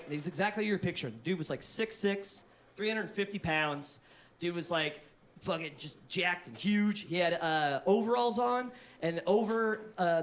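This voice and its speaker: A high-voiced stand-up comedian from Kansas performs a brash, profane set with animated storytelling before a live audience at a large comedy venue. The recording has the echo of a live theater, with the crowd laughing throughout.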